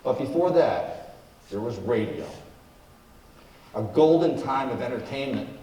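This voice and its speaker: A mid-range, animated male voice belongs to a live show host and performer working through a scripted stage intro and comic patter in front of a studio audience. The mic is distant, giving a roomy, noisy stage recording.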